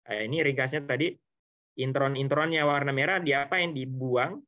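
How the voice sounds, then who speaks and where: A man's voice: medium pitch, moderate pace, bright, forceful tone. A man teaching a biology lesson in a casual, step-by-step way, asking rhetorical questions and answering them himself. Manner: casual, with frequent tag words and self-corrections. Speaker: biology tutor. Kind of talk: online lesson explanation. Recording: slightly dull lo-fi audio.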